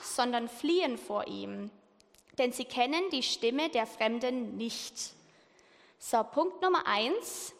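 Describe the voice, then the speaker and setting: A woman preaching a sermon slowly and deliberately, asking the congregation questions. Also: on the high side, fairly bright tone. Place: church hall. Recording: reverberant church hall.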